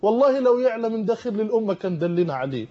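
A man's voice: high-pitched, sing-song, racing, dark tone, highs cut off. A man preaching a televised sermon in an Egyptian accent, delivering fervent, urgent warnings to his listeners in a studio. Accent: Egyptian Arabic.

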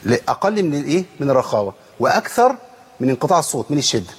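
A man with an Egyptian accent leads a tajweed lesson at a fast clip. His voice sits a little high. He breaks off into slow, drawn-out demonstrations of each sound. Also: very animated, breathy edge. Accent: Egyptian Arabic. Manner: explains briskly, then draws out sounds slowly to demonstrate them. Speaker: Quran recitation teacher.

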